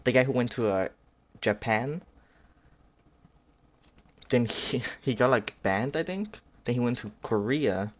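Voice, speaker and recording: A man's voice: mid-range voice, measured pace, pauses often. Rambling man reacting on a dull mic. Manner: rambling, unsure, full of fillers and self-corrections. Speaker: reaction streamer. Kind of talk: casual reaction commentary.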